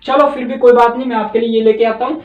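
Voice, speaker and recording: A man's voice: very high voice, level tone, fast talker. A man from Haryana, a tuition teacher explaining his teaching methods in an earnest way, repeating key words as he goes. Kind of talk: explanatory talk. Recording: roomy, dull lo-fi sound.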